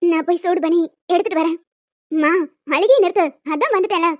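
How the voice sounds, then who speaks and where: A woman voicing several emotional village women and a young daughter in a cartoon, fast and dramatic, scolding and tearful. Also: very high-pitched, no room sound. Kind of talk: cartoon voice acting. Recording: dull, dry lo-fi recording.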